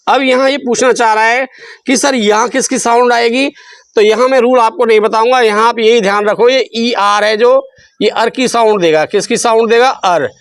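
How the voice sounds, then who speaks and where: Explaining spelling in Hindi, an English teacher from India repeats questions back to his students and lengthens each syllable. His very high voice comes through clean, with no echo.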